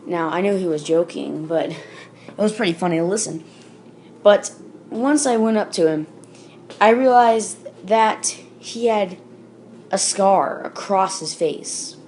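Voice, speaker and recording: A woman tells a spooky internet story in a loose, unscripted manner, with fillers and small restarts. Her voice sits in an ordinary middle pitch. A faint hiss runs under the recording. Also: slow pace, darkish tone. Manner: casual, with fillers and self-corrections. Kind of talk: casual spoken creepypasta reading.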